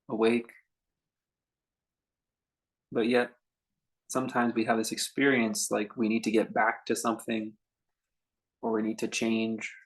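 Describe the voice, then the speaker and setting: Guiding a meditation as a teacher, a man speaks at medium pitch, slowly and contemplatively, with long silences separating his brief phrases.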